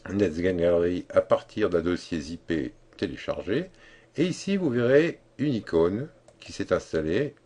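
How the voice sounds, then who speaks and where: A man giving a screen-recorded software tutorial, explaining step by step in a halting way with many fillers and restarts. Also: low-pitched. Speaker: tutorial instructor.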